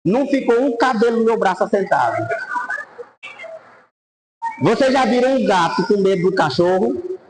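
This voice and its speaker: Animated priest telling a story. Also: male voice, high voice, moderate pace, pauses often, noisy background. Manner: animated anecdotes, voice rising and falling. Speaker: priest teaching a Bible course. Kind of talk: lively storytelling lecture.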